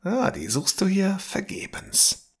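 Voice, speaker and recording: Man playing an old bearded man, grumbling, slow, gravelly voice, husky, grave warnings. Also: high-pitched, wildly swooping pitch, voice pushed up, heavily acted. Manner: slow, grave warnings, sometimes dropping to a whisper.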